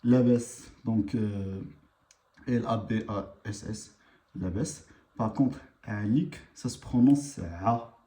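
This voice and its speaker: Slow, dark-voiced man teaching a lesson. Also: on the low side, reverberant. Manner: unhurried, hesitant, many fillers. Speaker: language teacher. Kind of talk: live online language lesson.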